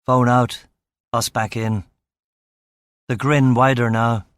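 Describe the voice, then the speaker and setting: A man's voice: medium pitch, flat delivery, slow, a bit bright, clear, resonant tone, dry recording. Man narrating a crime novel, clipped and dry. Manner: clipped, understated first-person detective narration. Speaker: audiobook narrator. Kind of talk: scripted narration.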